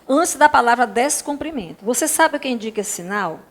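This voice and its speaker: A woman's voice: fairly high pitch, lively intonation, fairly quick. Brazilian woman teaching a primary class. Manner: patient, checks often with "tá bom?" and "né?", talks to pupils fondly. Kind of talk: recorded remote lesson.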